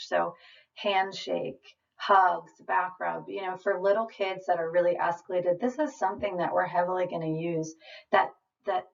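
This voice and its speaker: A woman trainer giving a calm, reassuring lecture over slides. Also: on the low side, gravelly. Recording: distant, dull lo-fi voice.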